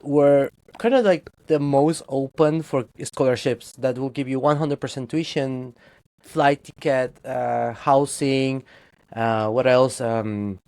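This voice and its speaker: A Guatemalan man whose first language is Spanish chats candidly as a guest in a casual interview. His medium-pitched, darkish voice moves slowly, and he rambles, restarts sentences, and laughs frequently.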